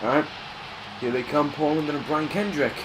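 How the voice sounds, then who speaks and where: A man's voice: fairly high pitch, brisk, noisy background. A man doing wrestling commentary on a video game in a conversational, self-correcting way.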